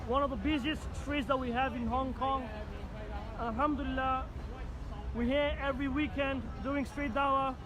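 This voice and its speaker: A man's voice: extremely high pitch, fairly even intonation, moderate pace. A man presenting a street outreach vlog to viewers, sprinkling his repetitive talk with Arabic religious phrases, outdoors on a busy street. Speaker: street dawah volunteer presenting. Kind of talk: vlog walk-through, addressing viewers. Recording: noisy busy street, traffic.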